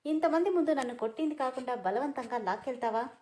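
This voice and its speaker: A woman's voice: high voice, fast talker, darkish tone, lightly acted. A woman reading as a defiant, hurt young woman. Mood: tearful defiance. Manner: defiant, tearful.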